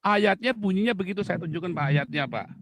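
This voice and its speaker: A man's voice: sits high, a little fast, noisy background. A man, a pastor on a video call, arguing heatedly and cutting in again and again. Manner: argumentative, interrupts, ends lines with "Pak". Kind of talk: heated debate.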